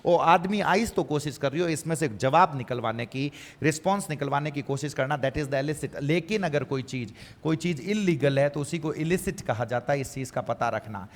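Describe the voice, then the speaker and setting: A man's voice: fairly high pitch, expressive, normal speed, hardly any pauses. Man lecturing in an echoey hall. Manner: repeats key words, asks and answers his own questions. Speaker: teacher. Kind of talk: exam-prep English vocabulary lecture.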